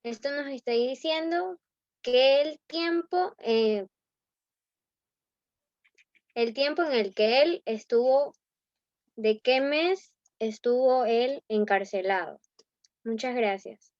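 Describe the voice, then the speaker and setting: Woman, student, very slow, deliberate, dull dry lo-fi sound. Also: high-pitched, a little mellow, no room sound. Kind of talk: class presentation.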